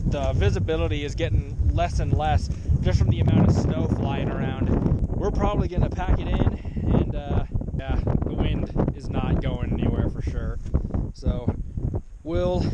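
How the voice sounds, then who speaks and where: A young man chats into a handheld camera outside by a stream, casual and self-deprecating, his voice sitting a little high. Wind and outdoor noise run clearly behind him. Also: muffled recording. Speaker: vlogger. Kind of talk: casual outdoor vlog narration. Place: outdoors by a stream in snowy, windy weather.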